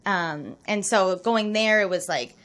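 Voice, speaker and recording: Female film director from Utah, reflective and unhurried, full of ums. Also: medium pitch, fairly bright tone. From Utah, USA. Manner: reflective, many ums and likes. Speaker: film director, podcast guest. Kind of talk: casual interview chat.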